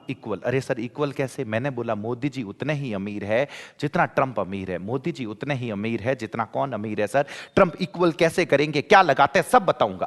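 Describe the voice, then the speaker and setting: Man, Rajasthani accent, grammar teacher, exam-prep lecture, answers his own questions, repetitive drilling, long hall reverb. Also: mid-range voice. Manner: asks students' questions aloud and answers them himself, drilling by repetition.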